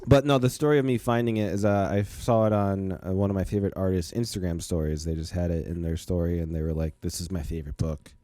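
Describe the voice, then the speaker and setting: A man's voice: low-pitched, quick pace, hardly any pauses, warm tone, dry recording. A man co-hosting a casual book podcast, easygoing and prone to the giggles. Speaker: podcast co-host.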